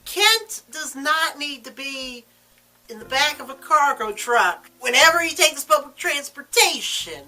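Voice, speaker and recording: Brief: sarcastic woman game commentator with a high voice and lively pitch. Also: measured pace. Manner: sarcastic, teasing. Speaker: let's play commentator. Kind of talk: casual let's play commentary.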